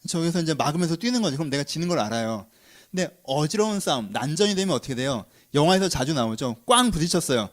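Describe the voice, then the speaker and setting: A man's voice: a little high, big pitch swings, fast. A man preaching a sermon, constantly asking his listeners questions and answering them himself. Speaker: pastor.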